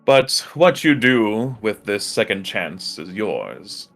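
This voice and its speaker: A man voicing a solemn, fatherly god in a tabletop game, speaking gravely and formally. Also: on the low side, big pitch swings, slow pace, fairly bright tone, soft background music, full character voice. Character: solemn otherworldly god, fatherly, to a cursed elf.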